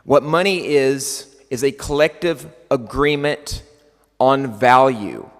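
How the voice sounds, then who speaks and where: A man with a West Texas accent delivers a prepared presentation as a conference speaker. His phrasing is deliberate and emphatic, with key words repeated, at a medium pitch. The sound is that of a large hall, with a long reverberant tail on the voice. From West Texas, United States.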